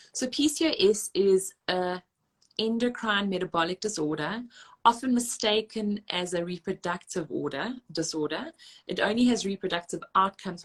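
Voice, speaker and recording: Woman, dietitian guest, lowish voice, quick and emphatic, lots of restarts. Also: a bit bright. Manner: fast, emphatic, with many restarts. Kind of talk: conversational expert explanation.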